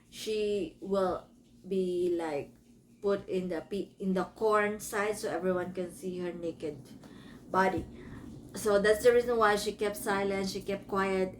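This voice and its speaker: Retelling a story for a casual book review, a woman from the Philippines rambles, corrects herself, and drifts into asides. She speaks English as a second language with a Filipino accent, in a medium-pitched voice, with slight background noise behind her.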